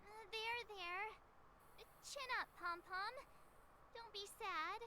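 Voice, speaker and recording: A woman voicing a cheerful, playful young girl companion in a game, who teases and reassures in a lively way. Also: extremely high pitch, slow, very noisy.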